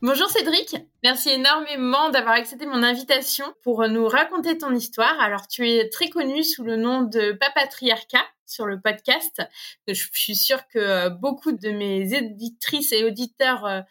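A woman's voice: fairly high pitch, normal speed, pushed and bright. A woman hosting her podcast, reading a scripted intro and then asking a guest questions informally. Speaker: podcast host.

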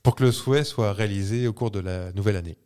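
A man's voice: lowish voice, quick pace, dark tone, clear, resonant tone. Playful French man hosting a quiz chat. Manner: playful, teasing, laughs often. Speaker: podcast co-host.

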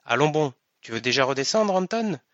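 A man's voice: on the high side, sing-song, brisk, fairly bright tone, no room sound, dull audio. A man reading aloud voices a coarse, coaxing ship captain. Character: gruff wheedling ship captain.

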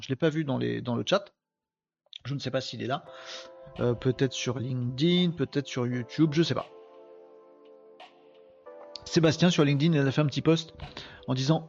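A man's voice: medium pitch, vocal fry. Man, live-stream host, casual chat, self-mocking, faint music behind. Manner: chatty, self-mocking, reads chat comments aloud. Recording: slightly dull sound with faint music behind.

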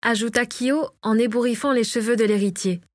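A woman narrating a storybook chapter in a steady scripted reading. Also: on the high side, brisk, dry recording, clean studio sound. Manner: reads all characters herself, lightly varying her voice. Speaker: audiobook narrator.

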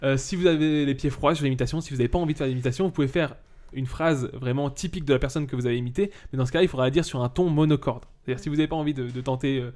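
A man hosts a party game and rattles off the rules at a quick clip. He talks casually, full of fillers and restarts, in a middle-pitched voice. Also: a little mellow. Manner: explains rules at length with many fillers. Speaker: game host. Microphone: shared microphone.

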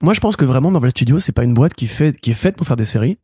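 A man's voice: mid-range voice, lively intonation, fast, dark tone, breathy edge, no echo, clean studio sound. A man co-hosting a casual critical chat, opinionated and heated. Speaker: podcast co-host.

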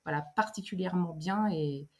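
A woman, a book editor, speaking as a guest in a podcast interview and pausing often to search for words. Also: fairly low pitch, darkish tone. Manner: hesitant, full of fillers and restarts.

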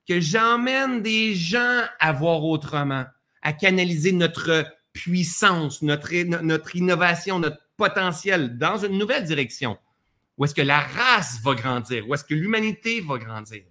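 A man's voice: high voice, pushed and bright. A man with a Québécois accent teaching a live masterclass in a conversational way, breaking off for joking asides about himself. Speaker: personal development speaker.

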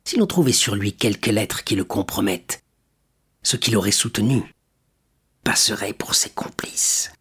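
A man reading the part of a scheming, jealous ship's accountant who talks in a smooth, persuasive way. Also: lowish voice, unhurried, a bit bright, in a whisper, exaggerated voice.

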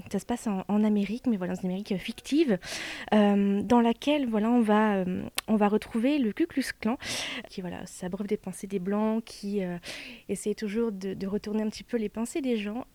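A woman's voice: medium pitch, dark tone, dry recording. A woman bookseller recommending a novel eagerly, with many fillers. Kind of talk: casual book recommendation.

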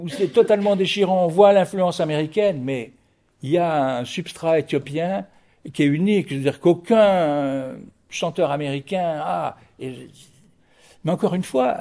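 A man's voice: fairly high pitch, dark tone. A man over fifty, a guest in an interview, speaking with passion while often stumbling and repeating his words. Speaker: guest, record producer and music writer. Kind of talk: radio interview.

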